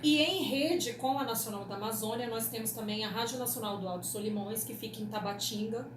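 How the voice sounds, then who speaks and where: In an echoey room with noticeable background noise, a Brazilian radio producer explains things during an interview, her high voice fairly quick. She often checks in with brief tag questions.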